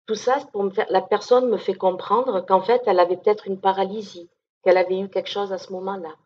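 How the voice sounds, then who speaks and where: A woman's voice: mid-range voice, fairly even intonation, a little fast, muffled recording. A woman medium giving an informal conference talk to an audience, down-to-earth and chatty, often checking in with listeners. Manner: down-to-earth, chatty, many fillers and check-ins.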